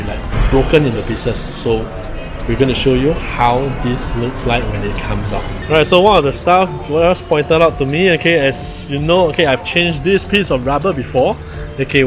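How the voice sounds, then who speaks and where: A man with a Singaporean accent hosting a casual vlog, speaking colloquially with Singlish particles and tag questions. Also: mid-range voice. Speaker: vlog host. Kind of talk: casual vlog chat to viewers.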